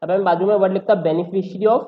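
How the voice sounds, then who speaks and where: A man's voice: sits high, steady tone, a little fast. A man teaching tax law in a lecture, mixing Hindi and English and answering his own questions. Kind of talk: classroom lecture. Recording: roomy, dull lo-fi sound.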